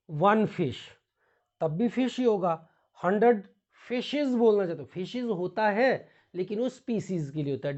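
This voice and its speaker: A man with an Indian accent teaching English grammar in a classroom, explaining slowly in Hindi mixed with English and spelling words out. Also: a little high, darkish tone, muffled recording.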